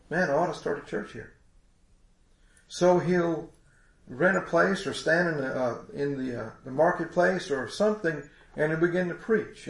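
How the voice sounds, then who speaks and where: A man's voice: a little high, fairly bright tone, roomy sound. A congested man preaching a sermon in a folksy, rambling way with many restarts.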